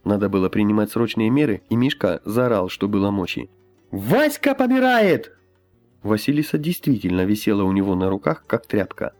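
A man reading an audiobook aloud in an expressive storytelling manner. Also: fairly low pitch, brisk, hardly any pauses, dry recording, soft background music. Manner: expressive, lively. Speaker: audiobook reader. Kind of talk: scripted narration.

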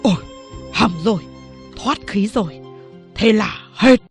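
A woman voicing a gruff, scolding old male town chief in an audiobook. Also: medium pitch, slow, faint music behind. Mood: grave. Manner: scolding, shouting.

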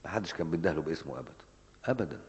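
A man preaching a Ramadan mosque lesson in an Egyptian Arabic accent, animated and scolding, asking rhetorical questions and answering them himself. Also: rumbling low, rapid-fire, long reverb tail, highs cut off.

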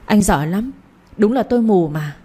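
A woman's voice: expressive, moderate pace, mellow, husky. A woman voicing a jealous, quarrelsome young wife who accuses her husband in a read-aloud story. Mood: furious. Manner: shrill, accusing.

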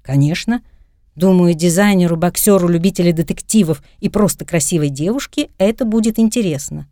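Woman doing a young cop, playful, confident, low dark voice, audiobook. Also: fairly quick, no echo, clean studio sound, close to an everyday voice. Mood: teasing. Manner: playful, self-assured. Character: young man, a confident, teasing New York cop.

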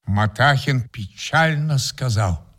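A man's voice: mid-range voice, lively intonation, slow, fairly bright tone. A man narrating a story in the first person and voicing the hero, in a dry, ironic, composed way. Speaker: narrator and main character. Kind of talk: acted radio reading.

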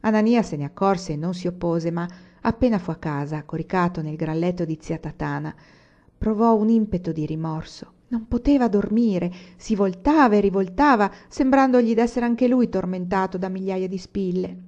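A woman reading a classic novel aloud in a measured, even storytelling manner. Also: medium pitch, lo-fi sound. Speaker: audiobook reader. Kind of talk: literary audiobook narration.

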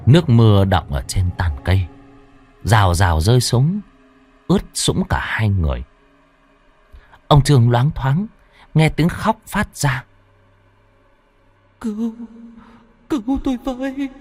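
A man narrating a horror story with expressive, dramatic pacing. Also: mid-range voice.

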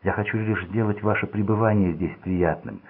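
A man's voice: lowish voice, steady tone, normal speed, slightly rough. A man reading the lines of a fussy, anxious, kindly aging bearded lady who rambles and gushes, in a storybook. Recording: phone-like narrow band.

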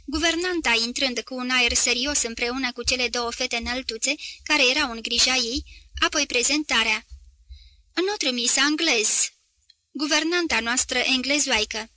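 High, bright woman narrating a novel. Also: no echo. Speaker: audiobook narrator. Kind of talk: literary audiobook narration.

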